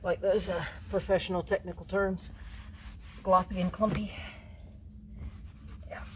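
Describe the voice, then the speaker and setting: Slow and a little mellow, a woman's lowish voice barely moves in pitch as she talks through detailing her car outdoors. She's a car DIY vlogger, loose and rambling with lots of fillers, and the rough recording carries a bit of hiss or hum.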